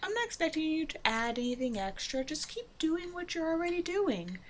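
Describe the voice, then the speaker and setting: Here her voice is high and sing-song, at a moderate pace, with slight background noise. In this intimate audio drama she voices a confident, flirty supervillain who is a demanding yet generous customer of a tailor, chatting teasingly with the listener.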